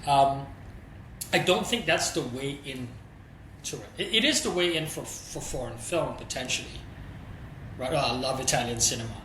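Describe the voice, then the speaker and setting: This man, an executive in streaming, gives candid, considered answers in an interview, working through his thoughts aloud. The recording carries a roomy echo and steady background noise, and his mid-range voice moves at normal speed.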